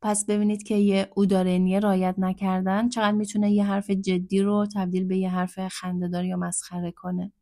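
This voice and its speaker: Brief: woman language teacher, mid-pitched voice, patient, explains and repeats phrases slowly. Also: completely flat delivery, dark tone, no echo, clean studio sound.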